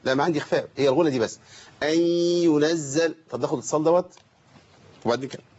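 A man's voice: medium pitch, very fast, darkish tone, husky, dull audio. A man with an Egyptian Arabic accent teaching Quran recitation on a live call-in lesson, chatty and joking as he corrects mistakes.

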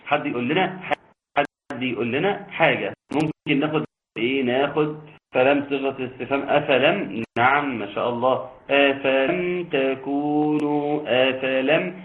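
A man with an Egyptian Arabic accent teaching an online tajweed lesson, talking briskly in explanations and reciting verses slowly in a chanting voice. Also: mid-range voice. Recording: tinny phone-like line, faint noise.

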